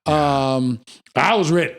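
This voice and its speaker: A man's voice: on the high side, takes it slowly. A man co-hosting a podcast in casual chat, blunt, joking and often profane. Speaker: podcast co-host.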